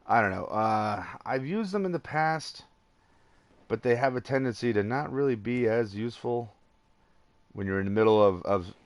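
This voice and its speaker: A man's voice: medium pitch, normal speed, dry recording. A tired man rambling through casual gameplay commentary, chuckling at himself and hesitating often. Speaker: let's play gamer.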